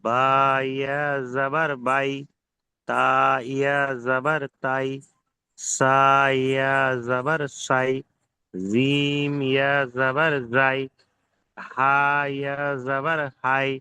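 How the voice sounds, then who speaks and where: A male student reciting Arabic letter and vowel drills aloud in an even drone. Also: medium pitch, slow, clear, resonant tone, dry recording, low-quality recording.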